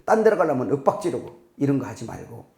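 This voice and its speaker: A middle-aged male pastor preaching a sermon in a conversational way, asking the congregation questions and now and then breaking into loud, sharp imitations of scolding parents. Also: mid-range voice, very animated, fast, gravelly, echoey room. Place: church sanctuary.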